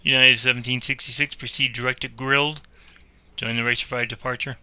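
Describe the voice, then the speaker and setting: Playing air traffic controller in a simulator, a man issues procedural instructions in radio phraseology while commenting on his own gameplay. His mid-range voice is sharp, a little fast, with little pitch movement.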